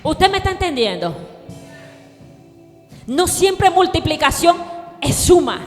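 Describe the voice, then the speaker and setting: A woman pastor preaching a sermon with fervor, calling on the congregation to repeat after her and rising to shouts. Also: high voice, in a large hall. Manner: fervent preaching, rising to shouts, call and response.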